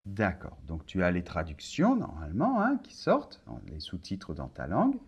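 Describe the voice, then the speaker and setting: A man's voice: low voice, wildly swooping pitch, normal speed, slightly rough. A man teaching a beginners' pronunciation lesson, patient and explanatory, often checking that the learner follows. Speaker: language teacher.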